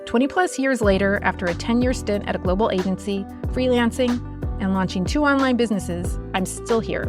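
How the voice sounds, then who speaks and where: A woman's voice: mid-range voice, a little fast, music in the background. A middle-aged woman from California with a Californian accent, hosting an interview podcast and asking questions in a conversational way. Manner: conversational, asks follow-up questions with hesitations. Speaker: podcast host.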